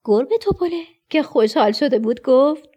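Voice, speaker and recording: A woman narrating a children's story with expressive, dramatic delivery. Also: high-pitched.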